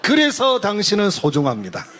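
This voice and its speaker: A man preaching a sermon in a church, telling stories in short phrases and pausing for an interpreter. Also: high voice, background noise. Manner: animated storytelling, pausing for the interpreter. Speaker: pastor. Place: church sanctuary.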